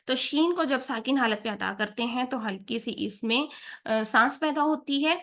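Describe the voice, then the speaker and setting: A patient woman teaches Quran recitation, and her voice sits a little high. She explains each pronunciation point step by step and keeps checking that her learners follow. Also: a bit bright. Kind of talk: tajweed lesson with slow recited examples.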